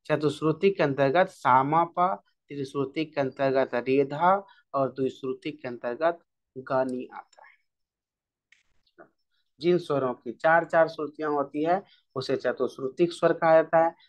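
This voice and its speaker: A man's voice: on the high side, unhurried, dull audio. A male music teacher giving an exam-prep lesson, repeating key terms over and over in a drill style.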